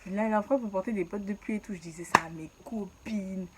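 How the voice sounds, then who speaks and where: A young woman vlogger from the Ivory Coast telling a childhood story in a casual, lively way, laughing often and exaggerating playfully. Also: mid-range voice, fast, very noisy.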